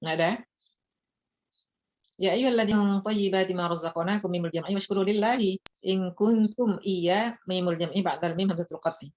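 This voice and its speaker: A woman lecturer teaching recitation rules, explaining each point and then chanting examples slowly and repeating words for her students. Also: medium pitch, a little mellow, lo-fi sound.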